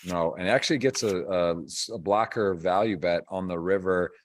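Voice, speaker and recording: A man's voice: sits low, moderate pace. A man giving conversational live poker tournament commentary as the host of a stream.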